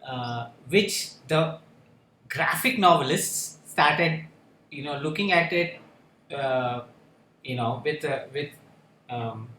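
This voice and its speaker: A man speaking on a panel discussion, halting and full of fillers and restarts. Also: on the high side, bright, forceful tone, slight background noise. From India. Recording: echoey room with faint ambience.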